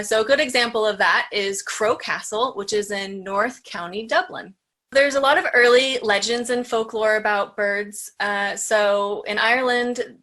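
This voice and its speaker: A woman's voice: medium pitch, pushed and bright. A woman hosting an educational show, telling folklore in a chatty, casual way with light asides. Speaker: show host.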